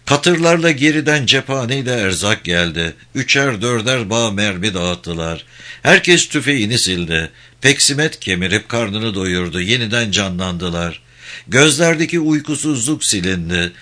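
Brief: male audiobook narrator, steady delivery, forceful bright tone. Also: fairly low pitch, normal speed. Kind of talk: scripted narration of a war novel.

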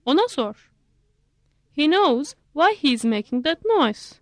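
A woman's voice: high voice, sing-song, slow, no room sound, clean studio sound, heavily acted. A woman voicing a scolding, overworked mother monkey who complains about her lazy husband. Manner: nagging, complaining.

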